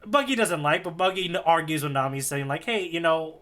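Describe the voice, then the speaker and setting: A podcast co-host with a slightly high, fairly bright voice talks fairly quickly while recapping a manga chapter. His storytelling is casual, rambling and jokey.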